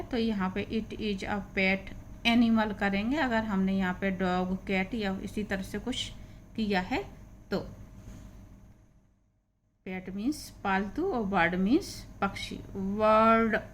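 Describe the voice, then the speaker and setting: A woman's voice: medium pitch, slow pace, slight background noise. A woman teaching an English reading lesson, patiently spelling out and repeating each word.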